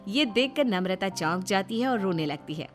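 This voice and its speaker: A woman giving scripted narration of a family cartoon story in a plain, even telling voice. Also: medium pitch, moderate pace, soft background music.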